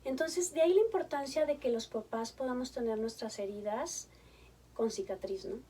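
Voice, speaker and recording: A woman's voice: a little high, normal speed, husky, far from the mic. A woman, a family therapist telling stories from her practice to parents and acting out the voices in them. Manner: warm storytelling, acts out quoted voices. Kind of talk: talk to parents.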